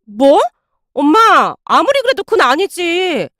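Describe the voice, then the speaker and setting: Woman voices a defensive young wife, high-pitched and dry, shrill protests. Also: sing-song, fairly quick, a bit bright, no echo, heavily acted. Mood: indignant. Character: self-centered young married wife, defensive.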